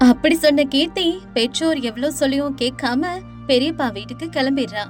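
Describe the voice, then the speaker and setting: A woman giving scripted narration of a moral story in an even, storytelling manner. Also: high voice, a little fast, soft background music.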